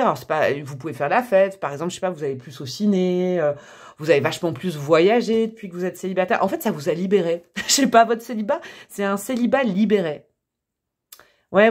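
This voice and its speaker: A woman's voice: lowish voice, a little mellow. A woman giving a casual tarot reading to camera, chatty and thinking aloud with many fillers and small laughs. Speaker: tarot reader.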